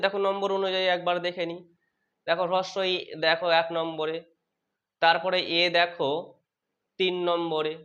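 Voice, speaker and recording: A man teaching a lesson, who asks questions and then answers them himself, repeats terms slowly and corrects his own slips aloud. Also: on the high side, pushed and bright. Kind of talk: exam-prep lesson on vowel sounds. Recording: dull lo-fi sound.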